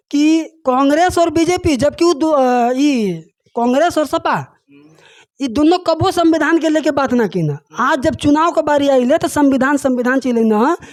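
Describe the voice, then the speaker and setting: An interviewer speaking Bhojpuri who asks long, winding questions at a slow, deliberate pace. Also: high-pitched, dry recording, studio quality. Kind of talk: casual political interview questions.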